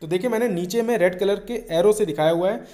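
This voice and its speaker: An engineering lecturer with an Indian accent and a notably high, warm voice explains material to exam students at a quick pace. He works through each point step by step, regularly checking that listeners are following.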